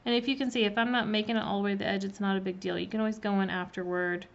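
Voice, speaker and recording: A woman's voice: mid-range voice, steady tone, racing. Chatty woman teaching on a live stream. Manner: chatty, greets viewers by name, filler ums. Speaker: cookie decorating instructor. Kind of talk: casual live-stream demonstration. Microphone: laptop mic. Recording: slightly muffled, faint background noise.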